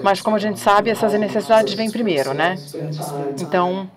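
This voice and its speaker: A woman giving an academic talk at a panel, speaking in a measured way and pausing often with fillers. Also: medium pitch, a crowd in the background.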